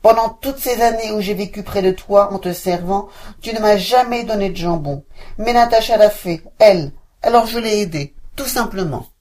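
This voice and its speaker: A woman's voice: mid-range voice, moderate pace, mellow, voice pushed up, natural voice. A woman voicing a clever house cat who lectures its cruel mistress, in a storybook reading. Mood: indignant.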